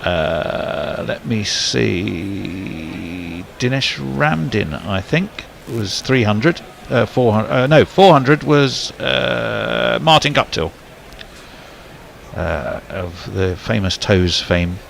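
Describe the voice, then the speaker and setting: A man's voice: on the low side, expressive, drawn-out words, vocal fry, a bit bright, a little hiss or hum. A man doing casual ball-by-ball cricket commentary, rambling with fillers and restarts.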